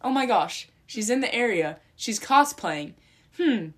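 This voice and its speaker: A woman's voice: a little high, lively intonation, measured pace. A young woman co-hosting a casual comedic chat, rambling and giggly, cracking jokes as she goes. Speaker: co-host.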